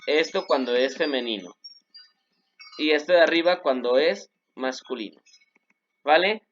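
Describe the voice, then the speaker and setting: Mexican man teaching in slightly high voice. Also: lively intonation, a bit bright. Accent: Mexican Spanish. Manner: patient, repeats examples slowly, frequent fillers. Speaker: French teacher. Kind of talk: recorded online class explanation. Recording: slightly dull lo-fi recording with faint noise.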